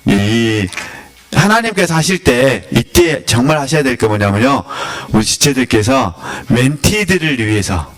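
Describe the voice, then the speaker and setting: A man teaching in a relaxed sermon style, talking to his listeners like a conversation. He keeps throwing questions at them and lets out small chuckles as he goes. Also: mid-range voice, unhurried. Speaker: teacher of a spiritual academy.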